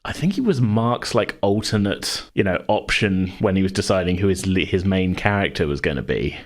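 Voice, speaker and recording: A podcast host with a notably deep male voice talks casually about a game he runs, rambling and thinking out loud. His delivery is expressive and moderately paced.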